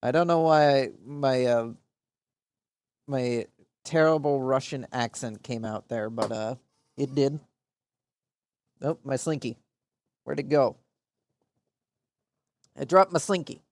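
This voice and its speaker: Man, game streamer, casual rambling commentary, frequent swearing, mid pitch, dry close sound. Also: slow, pauses often, no echo. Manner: rambling, swears often, mutters to himself. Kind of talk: casual live gameplay commentary.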